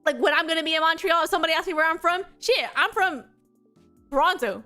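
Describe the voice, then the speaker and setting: Young woman vtuber rambling through stories, high voice, lots of giggles. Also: quick pace, sharp tone, faint music behind. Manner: rambling and giggly, with frequent laughs and filler words. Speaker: VTuber streamer. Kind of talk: casual chat stream, storytelling.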